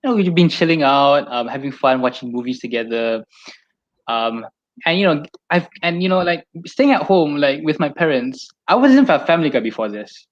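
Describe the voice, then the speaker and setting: A man's voice: fairly high pitch, expressive, normal speed. A young man with a Malaysian accent chatting casually as a podcast co-host, often repeating his phrases. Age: young adult. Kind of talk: casual chat. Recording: slightly dull lo-fi audio.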